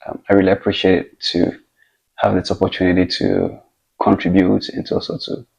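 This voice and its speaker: A young man from Ghana, a guest in a casual interview, speaking in a measured, reflective way with many hesitations. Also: deep voice, very animated, creaky, darkish tone, slightly rough, dull audio. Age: young adult.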